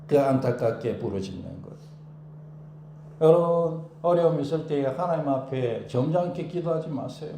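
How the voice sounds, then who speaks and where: A male pastor preaching a sermon in an animated way, acting out prayers and shouting for emphasis. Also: a little high, moderate pace, roomy sound, a little hiss or hum. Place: church.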